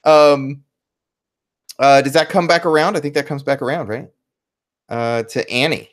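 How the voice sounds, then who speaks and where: A man's voice: on the high side, fairly even intonation, a little slow. A man running a tabletop game as game master, chatty and full of fillers and restarts.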